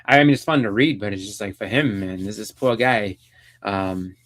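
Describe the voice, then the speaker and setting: A man's voice: lowish voice, normal speed, a bit bright. A man hosting a live stream, chatting casually about comics in a rambling way with many restarts.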